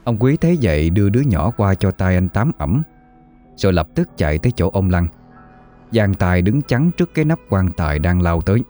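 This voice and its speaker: A man reads out a ghost story in a steady, solemn manner. His voice sits very low and sounds dark and mellow. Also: brisk, soft background music. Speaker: narrator. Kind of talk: scripted story narration.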